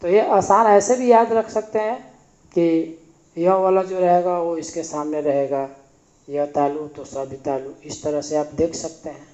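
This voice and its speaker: A man's voice: on the high side, fairly even intonation, unhurried, mellow. A man teaching Hindi grammar in a classroom style, patiently repeating sounds and asking the listener to say them back. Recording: echoey room, slightly dull sound.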